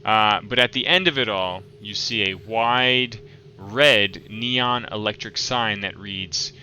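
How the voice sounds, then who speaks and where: A man narrating a tabletop game as game master, improvising descriptions in a halting way. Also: lowish voice, pushed and bright, lo-fi sound, slight background noise.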